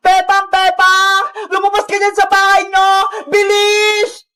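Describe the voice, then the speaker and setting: A woman voicing a loud, excitable young cartoon girl who shouts eagerly. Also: extremely high pitch, measured pace, full character voice. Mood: excited. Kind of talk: cartoon voice acting.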